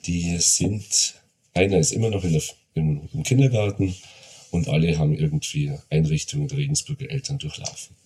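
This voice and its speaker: A man's voice: extremely low pitch, a little fast, warm tone. A man in his forties talking in a casual podcast chat, thoughtful and restarting his sentences. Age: 40s. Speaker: podcast guest, father.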